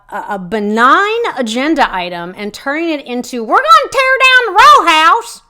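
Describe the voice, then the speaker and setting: A woman's voice: mid-range voice, a bit bright. A woman hosting her own podcast, ranting indignantly about local politics in a rambling, profane way, full of fillers and restarts. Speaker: podcast host. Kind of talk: casual ranting commentary.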